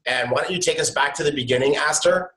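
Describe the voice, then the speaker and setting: A man's voice: a little high, fast talker, a bit bright. A man hosting an online interview show, enthusiastic and upbeat, talking over a video call. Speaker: show host. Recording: echoey room.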